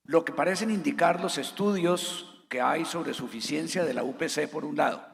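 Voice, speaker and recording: A man moderating a formal panel, measured and structured, laying out points in order. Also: fairly high pitch, creaky, big-room sound. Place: conference hall.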